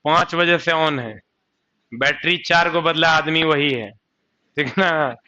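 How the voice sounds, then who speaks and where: A man's voice: fairly high pitch, slow pace, pushed and bright, lo-fi sound. A young man teaching a coaching class, chatty, often asking his students rhetorical questions and slipping into local dialect. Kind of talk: live online exam-coaching lecture.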